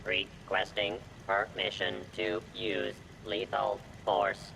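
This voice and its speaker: An actor voicing a calm male robot sailor on patrol, with a robotic machine voice and clipped, flat status reports like a ship computer. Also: on the low side, slow pace, vocal fry, slight background noise, exaggerated voice, low-quality recording. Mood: calm, mechanical.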